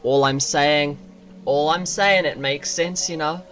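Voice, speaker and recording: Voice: medium pitch, fairly even intonation, a little slow, fairly bright tone, faint music behind. A streamer chatting during a live game stream, joking and rambling in a self-mocking way.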